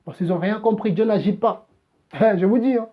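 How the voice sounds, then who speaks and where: A man's voice: high-pitched, moderate pace, highs cut off. A man preaching live on a stream and answering chat questions in a direct, exhorting, repetitive way. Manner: exhorting, repetitive, keeps saying "voilà".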